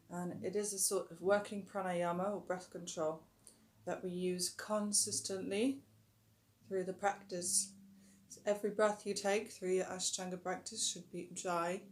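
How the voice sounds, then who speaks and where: Her voice lowish and a bit rough, a woman calmly teaches a yoga breathing technique, at times lengthening words and softening as she guides each breath. There's a little hiss or hum in the recording.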